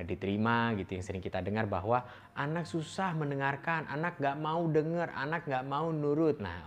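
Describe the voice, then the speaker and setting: A man giving an instructional talk on parenting, explaining patiently and demonstrating different tones of voice. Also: medium pitch. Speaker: parenting educator.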